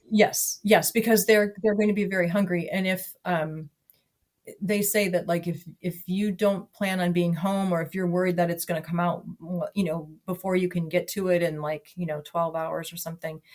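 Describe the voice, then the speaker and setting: Chatty woman with a low voice. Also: a little mellow. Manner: chatty, many fillers and restarts. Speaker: guest. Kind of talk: casual conversation.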